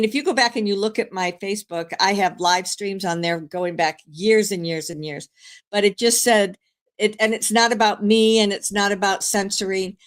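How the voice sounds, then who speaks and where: An older woman, a grandmother with a mid-range voice, hosts a live stream full of rambling, casual chat. She's hoarse from a cold and uses many fillers and restarts.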